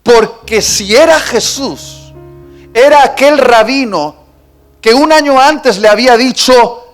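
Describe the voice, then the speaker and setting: A Spanish-accented male pastor delivers a sermon with a high, bright-pitched voice. He tells the story theatrically, dropping to hushed tones and rising to shouts, while soft music plays faintly behind him in the church. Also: takes it slowly. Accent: Spanish (Spain). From Spain. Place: church auditorium.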